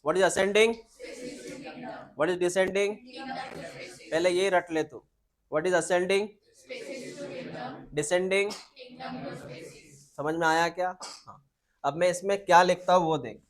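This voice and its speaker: A man's voice: high-pitched, steady tone, slow, pauses often, crowd noise. A man teaching biology to a class, repeating points and asking students questions. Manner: repetitive, asks students questions.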